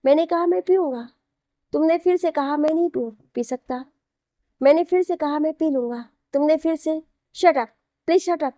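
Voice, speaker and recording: A woman's voice: high-pitched, normal speed, mellow, no echo, clean studio sound, pitched above the performer's own voice, lightly acted. Woman voicing a pouty teasing young husband. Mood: whining. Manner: childlike whining, pouty.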